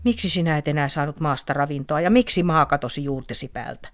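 A woman's voice: deep voice, animated. A woman voicing Otus, a kind, furry, winged forest creature who asks questions plaintively. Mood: anguished.

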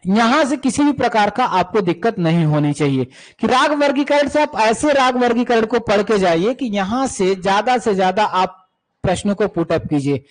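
A man's voice: sits high, animated, normal speed, rough recording. A man coaching students for music teacher exams, who repeats key terms and speaks to students as "beta" while answering viewer questions.

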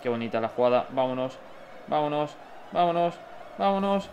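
Excitable young man, gameplay commentary. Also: on the high side, normal speed, slight background noise. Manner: excitable, talks to viewers and players, bursts of shouting. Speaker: gaming YouTuber. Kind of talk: mobile football gameplay commentary.

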